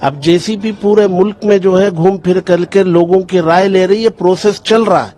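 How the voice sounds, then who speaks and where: Religious leader guy, kinda high voice, explains things calmly to a reporter. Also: normal speed. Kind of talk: interview statement.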